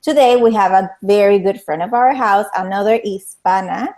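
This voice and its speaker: A woman's voice: mid-range voice, moderate pace, a little mellow. Puerto Rican-accented woman talk show host. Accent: Puerto Rican Spanish. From Puerto Rico. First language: Spanish. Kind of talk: interview hosting.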